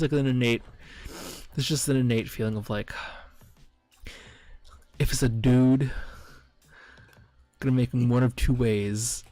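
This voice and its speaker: A man's voice: medium pitch, darkish tone, no echo. A man streaming as a dungeon master, chatting casually and rambling with frequent laughs and self-mocking asides. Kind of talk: casual stream chat reviewing memes. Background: faint background music.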